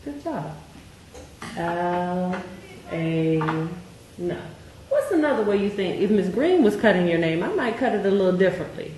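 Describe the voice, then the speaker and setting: A woman's voice: mid-range voice, sing-song, a little mellow. Patient woman tutor in echoey room. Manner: patient, encouraging, slow questioning prompts. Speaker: reading tutor. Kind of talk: one-on-one phonics tutoring. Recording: very echoey room, faint noise.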